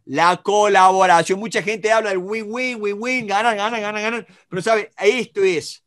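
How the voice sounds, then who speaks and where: A middle-aged man with an Argentine Spanish accent teaches negotiation in a live online class, lively and talking to students by name with frequent checks on whether they follow. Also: high-pitched, normal speed. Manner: animated, talks to students by name, many rhetorical checks. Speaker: negotiation instructor.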